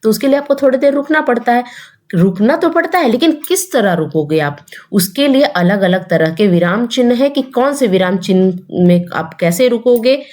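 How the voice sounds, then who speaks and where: A woman's voice: fairly high pitch, animated, moderate pace, darkish tone. A young woman teaching an exam-prep grammar lesson, explaining step by step and asking rhetorical questions.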